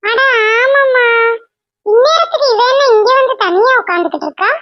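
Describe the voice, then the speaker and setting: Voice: very high-pitched, expressive, normal speed, dry recording. A voice actor playing a kind, motherly older village woman in a Tamil cartoon, soothing and advising with a Tamil accent. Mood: curious. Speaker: cartoon character. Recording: dull lo-fi dry voice track.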